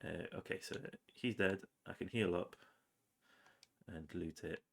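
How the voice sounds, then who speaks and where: Sniffly from a cold, this game developer rambles casually through an update on his game while the gameplay runs. His voice is deep and creaky, a little slow, and full of ums and uhs in a laid-back way.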